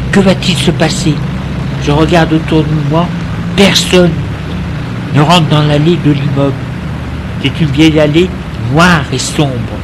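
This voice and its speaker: Man, story reading, slow, intimate, tense, traffic noise behind. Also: a little high. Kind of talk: reading a first-person story aloud.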